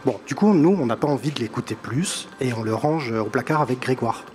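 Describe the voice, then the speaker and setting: Speaking French with a slight non-native accent, this man hosts a chatty music segment on a live broadcast, his medium-pitched voice a little mellow and a little fast. He comes across as enthusiastic and casual, often laughing at his own remarks.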